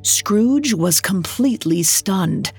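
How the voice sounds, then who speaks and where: Slow, gravelly woman storyteller. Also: mid-range voice, animated, faint music behind. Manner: measured, dramatic. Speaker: narrator. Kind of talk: scripted storytelling narration.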